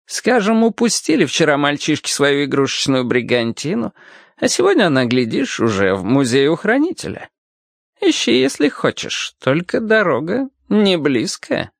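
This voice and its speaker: A man's voice: fairly high pitch, big pitch swings, vocal fry, no room sound, clean studio sound, voice pushed up. Man reading a quavering, teasing old cobbler. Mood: storytelling. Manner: folksy, teasing, slow and sly. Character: kindly wry old male cobbler, chuckling. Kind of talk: audiobook character voice.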